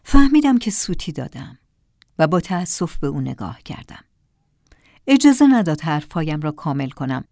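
Calm woman reading a story. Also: low-pitched, dry recording, studio quality. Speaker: narrator. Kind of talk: first-person story reading.

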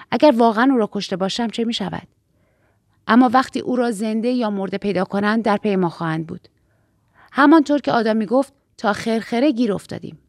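A woman reading a first-person novel aloud as an audiobook narrator, in a measured, steady storytelling manner. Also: mid-range voice, dry recording, clean studio sound.

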